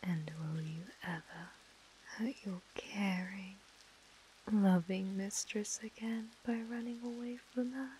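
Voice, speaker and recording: A woman's voice: medium pitch, steady tone, mellow, slight background noise, close to an everyday voice, low-quality recording. Woman playing a ASMR role-play British possessive mafia heiress. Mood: controlling, tender. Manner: slow, controlling, condescendingly affectionate. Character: possessive, obsessive female mafia heiress, menacingly tender captor.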